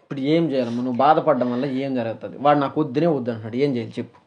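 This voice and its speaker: A man's voice: medium pitch, racing, a little mellow, dull audio. A man hosting, talking firmly like an older brother, scolding and consoling. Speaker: host. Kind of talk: casual chat.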